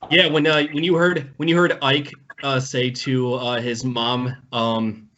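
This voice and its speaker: A man's voice: mid-range voice, level tone, a little slow, a bit bright. A man from Maryland in a casual podcast chat, speaking hesitantly with many "uh"s and the odd chuckle. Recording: dull lo-fi sound with faint hiss.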